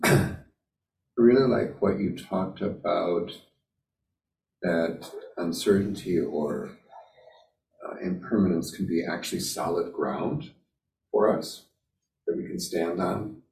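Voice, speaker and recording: A man thoughtfully sharing a reflection in a group discussion at a Zen center, talking slowly with hesitant fillers. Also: creaky, a little mellow. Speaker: sangha member sharing a reflection. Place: Zen center meditation hall. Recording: echoey hall, distant mic, faint rumble.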